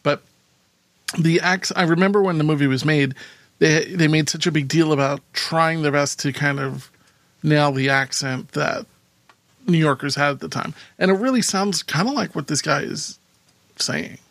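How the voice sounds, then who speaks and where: A man's voice: a little high, normal speed, fairly bright tone, no echo. A man co-hosting a casual TV rewatch commentary, chatting in a joking, rambling way. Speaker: co-host of a TV rewatch show.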